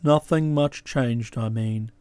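A woman's voice: rumbling low, dark tone, smooth, no room sound, pitched below the performer's own voice. A woman doing a hollow-voiced gloomy young Englishman. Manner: hollow, halting, mournful.

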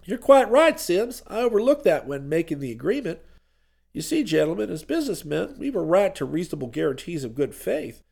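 A hearty American small-town booster from a comic storybook, played by a male narrator. He is emphatic and businesslike, speaking plainly in a somewhat lowered voice. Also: sing-song, a little fast, creaky, darkish tone, full character voice.

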